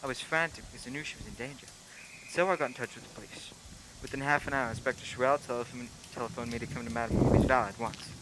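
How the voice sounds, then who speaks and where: Through clear background noise comes a man acting a genial, loyal gentleman doctor in a radio play. His mid-pitched voice tells old adventures with courteous, dramatic flair. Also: steady tone, very fast, lightly acted. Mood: storytelling. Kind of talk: old-time radio play narration and dialogue.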